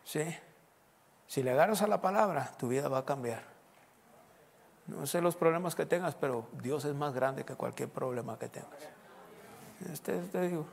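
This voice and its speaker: A man preaches in a loud, excitable sermon style, breaking into exclamations. His voice sits high for a man. The sound rings with a long church-hall reverb. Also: normal speed, gravelly, pauses often, slight background noise. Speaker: pastor. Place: church sanctuary.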